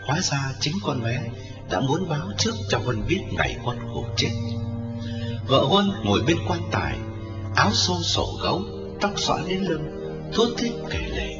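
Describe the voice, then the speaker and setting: A man narrating a dramatic story, expressive in his storytelling. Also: a little high, moderate pace. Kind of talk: dramatic audiobook reading. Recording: roomy, lo-fi, distant, with music.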